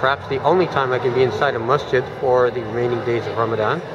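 A man in his forties recording a relaxed, reflective selfie vlog on a phone held at arm's length, indoors in a large community gym and later outside. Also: medium pitch, fast talker, dull audio, noisy background. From Canada. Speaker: vlogger. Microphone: phone camera at arm's length.

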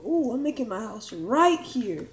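A woman giving casual, rambling commentary over a gameplay video, excitable and full of quick exclamations. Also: fairly high pitch.

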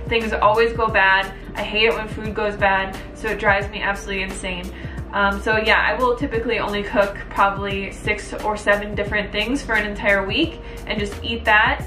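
A woman giving a chatty, upbeat voice-over for a cooking vlog, explaining each step in a casual way. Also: mid-range voice. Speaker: vlogger. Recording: music playing behind. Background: background music.

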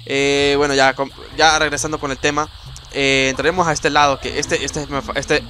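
A man's voice: on the high side, little pitch movement, moderate pace, sharp tone, a little hiss or hum. A young man giving casual, rambling let's-play commentary, exclaiming and laughing at the game. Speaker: gameplay commentator. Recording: voice over game music.

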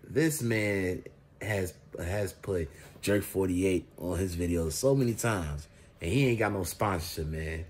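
Stretched out on a couch indoors, this young adult food reviewer from America speaks in a low, conversational voice for his vlog, leaning hard on repeated, emphatic slang as he tells a story. The audio is a home recording from a phone held at arm's length, with audible background noise.

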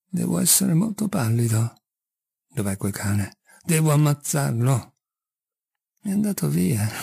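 A man's voice: mid-range voice, vocal fry, warm tone, breathy edge, dry recording, clean studio sound. A man giving a dramatic reading of an interior monologue, agitated, swinging between sudden exclamations and muttered asides. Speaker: audiobook reader.

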